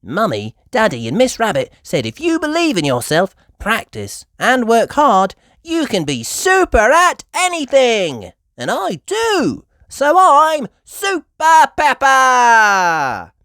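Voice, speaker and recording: A woman voicing an excitable, earnest little girl pig with wide-eyed exclamations in a children's storybook read-aloud. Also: a little high, slow pace, no echo, studio quality, pitched above the performer's own voice, exaggerated voice. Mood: earnest, proud.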